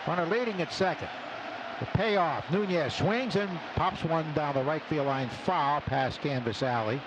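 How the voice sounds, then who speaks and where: A man with a voice on the high side calls baseball play-by-play live on radio from a stadium booth, speaking unhurriedly. The broadcast carries loud ballpark noise in the background.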